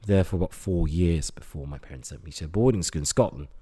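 A man's voice: deep voice, fast talker, warm tone, breathy edge. A man in his twenties from Singapore, a chemistry student chatting casually in an interview, hesitant with many fillers. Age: 20s.

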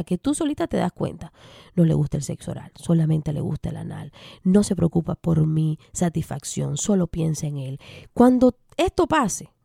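A woman's voice: medium pitch, vocal fry, mellow, no echo, clean studio sound. A woman with a Caribbean Spanish accent hosting a podcast, talking frankly and informally as she gives advice and reads listener letters. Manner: frank, informal, affectionate forms of address. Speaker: podcast host. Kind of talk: casual advice talk, reading out listener letters.

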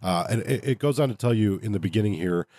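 A man's voice: lowish voice, fast, mellow, no room sound, clean studio sound. A man hosting a podcast in casual review talk, with a nasal voice stuffed up from a cold. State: congested from a cold. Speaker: podcast host.

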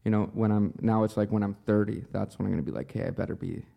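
Gravelly low-voiced young man. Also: highs cut off. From Canada. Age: 20s. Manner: relaxed, halting, repeats words. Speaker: podcast guest, rock drummer. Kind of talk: casual chat.

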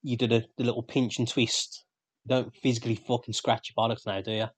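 A man chats loosely on a podcast. He rambles, swears freely and laughs between his points. His voice sits at a middling pitch and sounds dry and close to the mic. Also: flat delivery, a little fast, slightly rough, no echo. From England. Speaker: podcast co-host. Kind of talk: casual banter.

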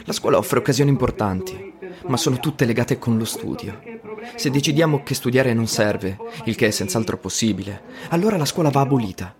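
A man's voice: medium pitch, expressive, a little fast, a crowd in the background. A man narrating a story in the first person, wry and ironic in tone.

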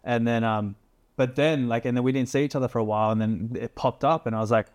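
A man hosts a podcast in a relaxed, rambling manner, swearing freely and trailing off into "like" and "um". His voice sits at an ordinary middle pitch. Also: fast talker. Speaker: podcast host. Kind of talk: casual chat.

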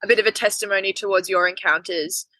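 A woman's voice: mid-range voice, fairly even intonation, fast talker, sharp tone, no echo. A woman interviewer asking long, rambling questions full of "like" and "kind of.".

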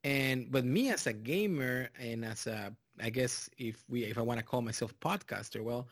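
A man's voice: mid-range voice, dry recording, studio quality. Man with a Mexican accent hosting a podcast. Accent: Mexican Spanish. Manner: rambling, with many fillers and restarts; loud and drawn-out in the intro. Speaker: podcast host. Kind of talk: casual podcast chat.

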